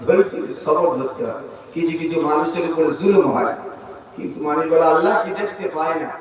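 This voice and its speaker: A man preaching a sermon to a crowd, now and then chanting long high passages and calling on the listeners to respond. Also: fairly quick. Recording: loud echoing PA from far off.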